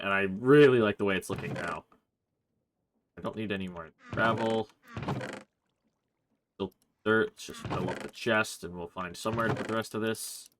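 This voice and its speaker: A man hosting a Let's Play, chatting through his gameplay in a relaxed, rambling way, thinking aloud with plenty of "uh" and "like". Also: lowish voice, slight background noise. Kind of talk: casual gameplay commentary.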